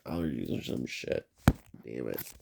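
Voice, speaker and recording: Deep, gravelly man rambling. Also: animated, a little slow, very noisy. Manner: rambling, profane, keeps saying "man". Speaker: vlogger. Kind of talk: unscripted solo monologue.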